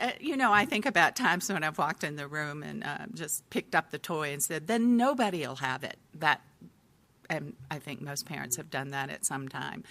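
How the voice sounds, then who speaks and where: Low-voiced older woman, candid counselor. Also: bright, forceful tone. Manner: conversational, candid, with thoughtful pauses. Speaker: family counselor on a panel. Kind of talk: panel discussion.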